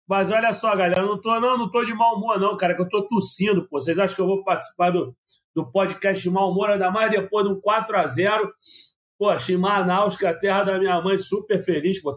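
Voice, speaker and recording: Chatty, rambling man, higher voice, coughing, dry throat, restarts a lot. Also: fairly bright tone. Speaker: sports reporter. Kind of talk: casual podcast chat.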